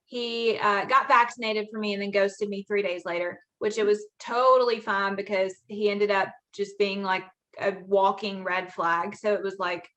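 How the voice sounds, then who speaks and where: A woman's voice: medium pitch, bright, forceful tone. A woman author hosting a casual panel chat on a video call, talking earnestly with lots of fillers. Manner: earnest, chatty, full of fillers. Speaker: author hosting a book talk.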